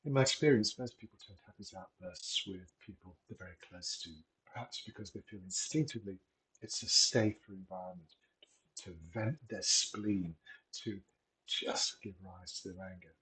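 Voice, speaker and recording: Low-voiced man giving calm wellbeing advice. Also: poor audio. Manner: gentle, measured and encouraging, with frequent pauses. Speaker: wellbeing presenter. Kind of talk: reflective solo talk.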